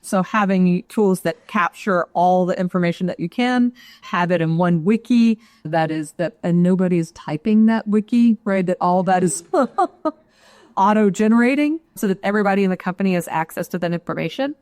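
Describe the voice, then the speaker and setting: A woman, an actuary guest in an interview, explaining her points in a measured way and often adding "right?". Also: lowish voice, a little mellow, no echo. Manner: measured, explanatory, adds tag questions. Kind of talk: interview answer.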